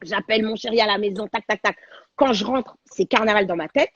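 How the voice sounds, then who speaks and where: Husky woman telling a story excitedly. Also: mid-range voice, fairly quick, dull audio. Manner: animated, slangy, dramatic retelling. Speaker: talk show guest, radio and TV presenter. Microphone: video call on a livestream.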